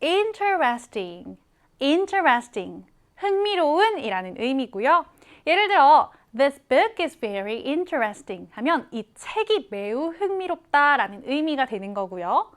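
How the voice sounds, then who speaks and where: Speaking in a high, slightly bright voice, a female teacher goes through English vocabulary with students. She explains every word slowly and clearly and reads examples more than once.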